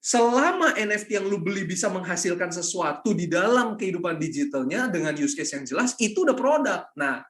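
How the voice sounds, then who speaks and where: A man's voice: sits high, lively intonation, brisk, a bit bright, reverberant. A man giving an informal masterclass lecture in blunt, combative slang. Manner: blunt, combative slang-heavy Jakarta talk. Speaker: masterclass speaker.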